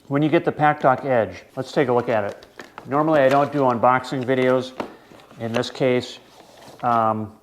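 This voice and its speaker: A man with a medium-pitched voice talks as a vlog host. He explains gear casually and conversationally, halting now and then and stretching words.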